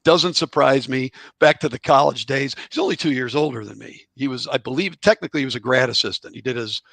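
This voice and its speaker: A man's voice: medium pitch, quick pace, gravelly, fairly bright tone, no room sound. A middle-aged man, a former college ballplayer and author, telling chatty, rambling anecdotes as a podcast guest. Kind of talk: relaxed storytelling in a podcast interview.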